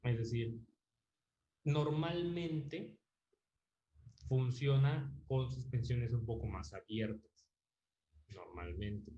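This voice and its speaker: Speaking a little slowly in a steady, dark-toned mid-range voice, this online music theory teacher patiently explains concepts, uses fillers as he thinks, and keeps asking tag questions to check on students. The sound is lo-fi, dull, and roomy.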